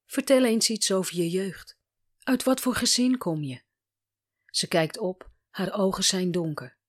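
Calm, gentle woman narrating a story. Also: medium pitch, measured pace. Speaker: narrator and coach. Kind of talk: scripted first-person story narration.

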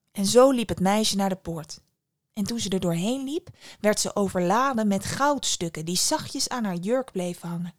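A woman's voice: on the low side, no echo, studio quality. Woman telling a fairy tale. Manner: calm, expressive narration. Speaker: podcast host and storyteller.

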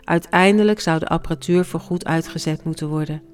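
A slow, hushed storyteller reading a personal memoir, reflective and unhurried. The voice sits at a middle pitch and sounds smooth and resonant. Soft music plays faintly underneath. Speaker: grieving parent narrating. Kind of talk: scripted memoir narration.

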